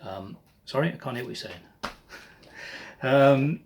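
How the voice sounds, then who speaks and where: A man leading a choir breathing warm-up, counting slowly and calmly with friendly asides to his singers. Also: mid-range voice. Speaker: choir leader. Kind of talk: breathing exercise lesson.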